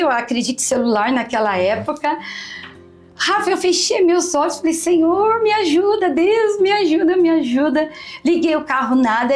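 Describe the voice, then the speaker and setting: Lady teacher, high voice, emotional story, keeps repeating herself. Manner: emotional, repetitive, often addresses the host by name. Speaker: teacher, interview guest. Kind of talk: heartfelt personal storytelling.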